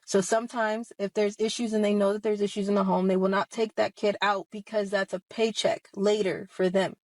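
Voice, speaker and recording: Brisk and medium-pitched with little pitch movement, her voice is recorded dry. This thirty-year-old woman hosts online videos and speaks fervently to her audience about what she's lived through, in an emphatic, confrontational style packed with rhetorical questions.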